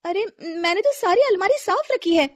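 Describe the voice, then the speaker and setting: A woman's voice: lively intonation, normal speed, no echo, clean studio sound. A woman voicing a rude, arrogant young housewife who scolds shrilly. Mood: hurt. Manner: shrill, scolding and sharp-tongued.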